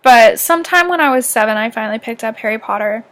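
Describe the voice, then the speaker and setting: This young vlogger from southern Ontario talks fast in a slightly high, fairly bright voice with lively intonation. Her light Canadian accent comes through as she rambles casually about her life, filling gaps with plenty of "um" and "like."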